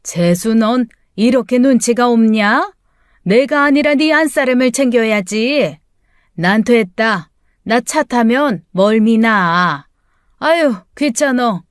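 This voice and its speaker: A pushy older mother-in-law from an audiobook story, bossy and grumbling as she drawls out her orders, as a woman narrator puts her on. The voice sits fairly high. The recording is dry and close, with no room sound. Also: takes it slowly, dry recording.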